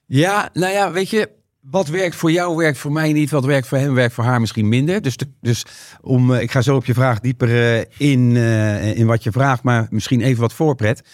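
A man with a Rotterdam accent speaks with a voice strained and worn from overuse. He talks in an animated way, tossing in tag questions. The sound is close and dry, with no room around it. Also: mid-range voice, normal speed, no echo. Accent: Rotterdam Dutch. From Rotterdam, Netherlands. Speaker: guest speaker. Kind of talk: podcast conversation.

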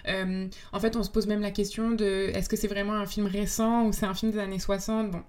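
A woman's voice: mid-range voice, little pitch movement, brisk, darkish tone. A young adult woman, a podcast guest, talking about films in a thoughtful, enthusiastic way while she searches for her words. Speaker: podcast guest, comics author and film student. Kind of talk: casual interview talk.

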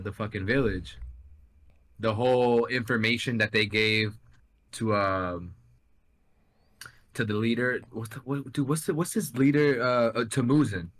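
Young male podcast co-host, lowish forceful voice, frat-bro slang, enthusiastic casual anime chat.

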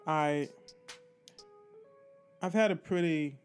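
A man's voice: fairly high pitch, takes it slowly, faint music behind. Candid Haitian-born man telling his story. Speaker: guest. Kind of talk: casual interview.

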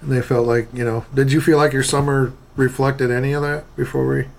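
A man's voice: medium pitch, level tone, fairly quick, creaky. A man hosting a podcast in casual chat, asking probing follow-up questions. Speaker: podcast host.

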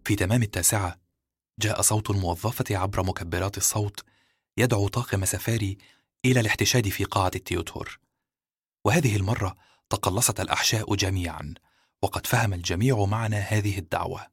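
A man giving scripted first-person audiobook narration in a steady, measured way. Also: fairly low pitch, husky, no room sound, studio quality.

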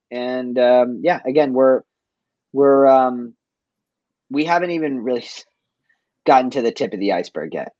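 A man from East Boston, USA, a chef and business owner, tells stories as a guest in a casual interview, using informal, slangy speech full of "like." His voice is mid-range with a darkish tone. The recording is muffled, with no room sound.

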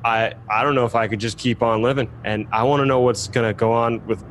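A man's voice: fairly even intonation, brisk, slight background noise, natural voice. A man voicing a nervous middle-aged male motel owner who rambles anxiously about his many cats. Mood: fretful. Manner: rambling, fretful, voice jumping high when upset.

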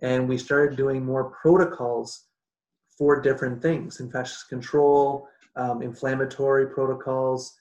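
A man's voice: medium pitch, little pitch movement, measured pace, darkish tone. A Canadian man from Canada, a podcast guest talking in casual interview chat, restarting sentences and laughing often. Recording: roomy echo.

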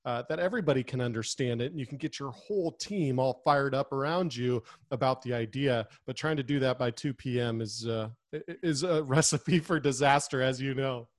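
A man in casual conversation, telling stories in an animated, restless way and acting out what people said. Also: mid-range voice, a little fast, hardly any pauses, dry recording, clean studio sound. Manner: animated, restless storyteller who acts out quotes.

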